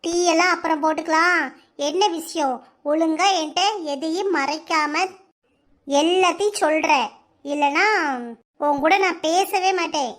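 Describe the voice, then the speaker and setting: A woman's voice: very high voice, fairly even intonation, unhurried, a bit bright. A woman with a Kanyakumari Tamil accent voicing a young woman's insistent, teasing best friend in a cartoon. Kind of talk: cartoon voice acting.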